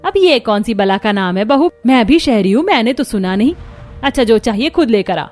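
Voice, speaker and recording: A woman's voice: a little high, lively intonation, normal speed, a little mellow, faint music behind, natural voice. A woman voicing an irritable, boastful middle-aged mother-in-law in a cartoon. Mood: scolding. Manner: scolding, boastful.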